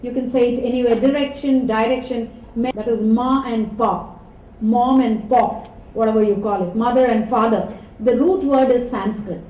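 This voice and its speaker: Heard from a distance in a reverberant lecture hall over a faint room hum, a woman with an Indian English accent trains students in communication skills. She speaks at normal speed in a high, mellow voice, lively and repeatedly quizzing the class.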